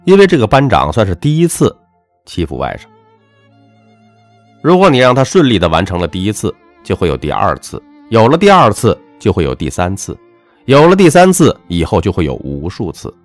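A man giving a motivational monologue with a personal story, talking emphatically in a lecturing way and letting his phrases drop low at the end. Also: huge pitch swings, brisk, dry recording, soft background music. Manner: emphatic, lecturing, swings between punchy highs and dropped low endings. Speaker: self-help speaker.

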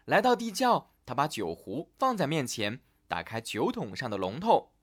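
A man narrating a fairy tale for listeners in an expressive storytelling manner. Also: mid-range voice, normal speed.

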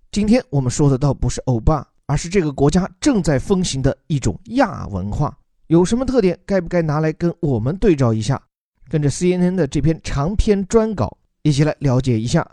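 A man's voice: on the high side, dark tone, no room sound, clean studio sound. A man teaching English on a podcast, patiently explaining a news article in Chinese and reading out English lines.

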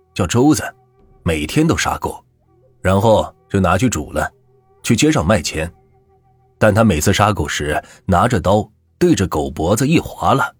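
Deep husky guy narrating folk ghost stories, lively up and down, dry close sound. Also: no echo. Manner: conversational with filler sighs. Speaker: storyteller.

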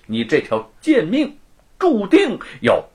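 A man voicing a gloating, sneering young rich lord who taunts and cackles in a high, shrill voice. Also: wildly swooping pitch, slow pace, a bit bright, breathy edge, heavily acted. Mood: scornful.

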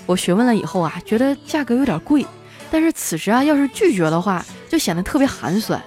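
A woman hosting a comedy show, telling scripted joke stories in a lively way and putting on voices for the characters. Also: a little high, fast talker, soft background music. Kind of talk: scripted comic storytelling.

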